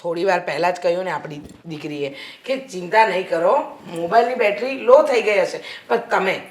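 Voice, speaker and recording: A woman plays a middle-aged mother keeping the peace at home, gently placating her anxious husband. Her voice is of ordinary pitch and her manner soothing. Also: normal speed, lightly acted. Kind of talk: Gujarati film acting.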